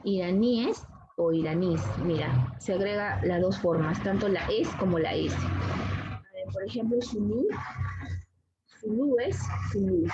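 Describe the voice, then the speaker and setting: A woman teacher giving an online grammar lesson, explaining patiently step by step and often checking with a quick question. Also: lowish voice, warm tone, husky. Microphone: computer mic on a video call. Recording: slightly dull video-call audio with faint noise.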